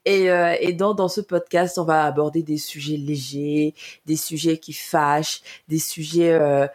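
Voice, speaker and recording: A woman's voice: deep voice, fairly even intonation, unhurried, a little mellow. Woman, mid-twenties, podcast co-host, casual chat, frequent fillers. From Cameroon. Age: 20s. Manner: chatty, many fillers and restarts.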